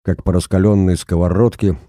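A man narrating a first-person audiobook in a steady, measured storytelling manner. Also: deep voice, dry recording, studio quality.

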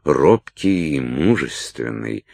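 A man's voice: extremely low pitch, very animated, slow, creaky, darkish tone, dry recording, studio quality, full character voice. A man reading a brazen, teasing seductress. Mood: coaxing. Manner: teasing, coaxing, then scornful. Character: brazen seductive woman, pushy and mocking.

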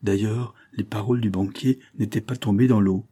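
A man reading a classic novel aloud as an audiobook narrator, measured and expressive. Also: lowish voice, slightly rough. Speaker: audiobook reader.

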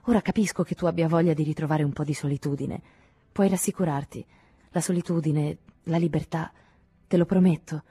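A woman's voice: low-pitched, fairly even intonation, brisk, warm tone, slightly rough, dry recording. A woman voicing an anxious, clinging woman who talks to her lover in an earnest, pleading way in an audiobook reading.

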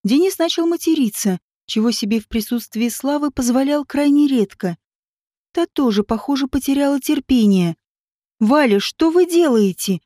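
A woman reading a novel aloud as an audiobook narrator in a steady storytelling manner. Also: sits high, normal speed, no room sound, clean studio sound. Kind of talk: scripted narration.

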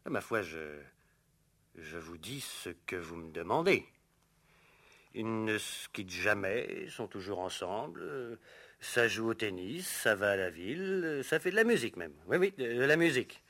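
Sly gossipy servant in old radio show, lowish voice, hesitates then gets all excitable, really animated. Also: male voice, normal speed, exaggerated voice. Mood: sly, mocking. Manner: hesitant, evasive, insinuating, with excitable outbursts. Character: resentful, gossipy male household servant under police questioning. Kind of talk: French radio play acting, old radio show.

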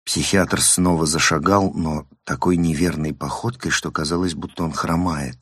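Guy reading a thriller audiobook, really low voice, steady, dry close mic. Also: moderate pace, slightly rough, dry recording. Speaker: audiobook narrator. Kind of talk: scripted audiobook narration.

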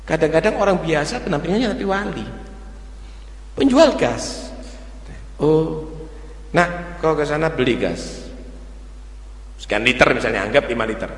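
Animated preacher in echoey hall. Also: male voice, a little high, measured pace, pauses often. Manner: lively, humorous asides in local dialect. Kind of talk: religious sermon. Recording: echoey hall with long reverb.

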